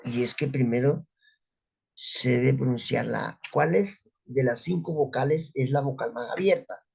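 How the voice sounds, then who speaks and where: A man's voice: mid-range voice, measured pace, vocal fry, breathy edge. A man giving an unscripted Bible teaching, asking rhetorical questions and answering them himself. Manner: spoken, unscripted, with restarts. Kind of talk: religious teaching talk.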